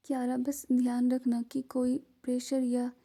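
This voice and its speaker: A woman voicing a calm, caring middle-aged mother who speaks softly and gently. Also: high-pitched, measured pace, husky, heavily acted. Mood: gentle. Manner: soft, gentle.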